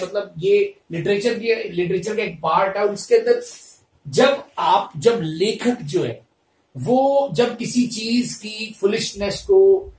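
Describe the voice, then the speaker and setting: High-voiced male teacher in an echoey room. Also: darkish tone. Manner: chatty storytelling with comic examples, frequent "theek hai na". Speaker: vocabulary teacher. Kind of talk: exam-prep lesson explaining word meanings. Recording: echoey room, mic set far away.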